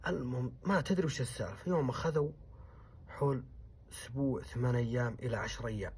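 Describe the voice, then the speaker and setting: A man tells a traditional tale at a brisk clip, his voice husky and a little rough. He swings between loud, commanding outbursts and low, muttered asides as he acts out each character. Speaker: poet and storyteller. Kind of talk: oral storytelling, acting out characters.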